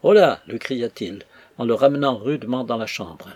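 Man reading an old novel, measured storytelling, husky voice, dry close sound. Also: medium pitch, darkish tone, no room sound. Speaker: narrator. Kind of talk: audiobook reading of a classic novel.

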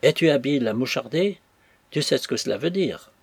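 A man putting on a scornful, domineering master from a storybook, mocking and threatening, suddenly louder on his warnings. The voice is husky over a dry, close sound. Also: medium pitch, lively intonation, brisk, dry recording. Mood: menacing, mocking. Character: sly menacing male master, scornful and domineering.

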